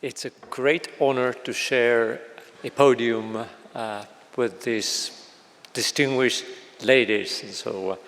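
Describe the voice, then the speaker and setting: A man moderates a panel in a hesitant, halting way, often pausing on fillers before his questions. His mid-pitched voice carries the long reverb of a large concert hall. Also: fairly even intonation, a bit bright. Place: large concert hall stage, live event.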